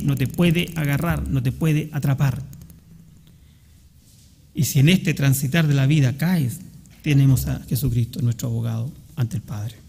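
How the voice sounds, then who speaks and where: A Chilean pastor preaching in a church, his slightly high voice rough with gravel. He speaks in earnest and keeps asking the congregation whether they follow. A long reverb hangs in the hall. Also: a little mellow. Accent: Chilean Spanish. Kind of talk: sermon. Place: church sanctuary.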